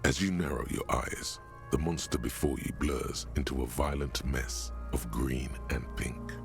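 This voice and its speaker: An actor playing the narrator of a video game, speaking in a hushed, portentous way. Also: male voice, rumbling low, a little slow, vocal fry, music in the background, exaggerated voice. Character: ominous male game narrator.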